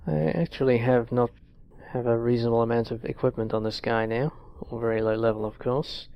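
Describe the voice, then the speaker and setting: A man's voice: mid-range voice, brisk, clear, resonant tone, dry recording, highs cut off. A young man casually commenting on his game as he plays, thinking aloud. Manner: relaxed, thinking aloud with fillers. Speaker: gameplay commentator.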